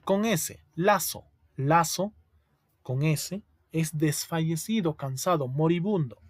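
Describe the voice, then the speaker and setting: A male teacher giving a spelling lesson, explaining slowly, repeating each word and checking in with his students. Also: on the high side, animated, a little mellow, no room sound, studio quality.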